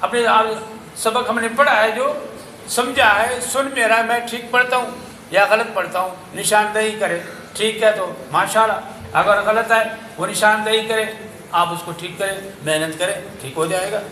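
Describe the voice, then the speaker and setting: Pakistani Urdu-accented male Quran teacher; high, bright, sharp; repeats syllables to correct students; echoey classroom. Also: steady tone, slight background noise. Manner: corrects pronunciation by repeating syllables, then chants verses slowly. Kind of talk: classroom tajweed drill. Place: madrasa classroom.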